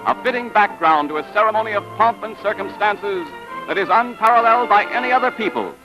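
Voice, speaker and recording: A man's voice: high-pitched, expressive, fairly quick, lo-fi sound. A man narrating an old newsreel in a grand, declamatory manner. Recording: old newsreel soundtrack with loud music.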